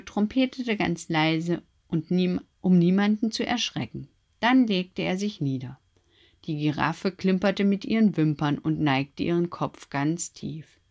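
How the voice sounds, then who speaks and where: Low-pitched woman reading a children's story.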